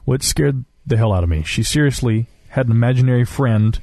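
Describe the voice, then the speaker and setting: A man's voice: medium pitch, brisk, gravelly, a little mellow, dry recording, studio quality. A man with a Southern American accent hosting a podcast, reading listener stories aloud with wry asides. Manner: wry, conversational, reads quotes then comments. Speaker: podcast host.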